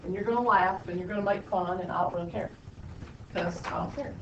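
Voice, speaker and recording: A woman's voice: mid-range voice, fast talker, noisy background. A woman math teacher, lecturing a classroom with playful, sarcastic teasing of her students. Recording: echoey classroom, distant lo-fi mic.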